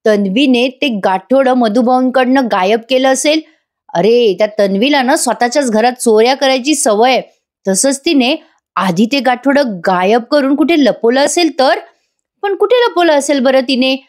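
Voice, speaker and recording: A woman's voice: sits high, normal speed, a little mellow, close to an everyday voice. Lady voicing a young guy muttering to himself, puzzling it out. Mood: musing. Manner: musing, talking to himself. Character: brooding young man thinking aloud, puzzled.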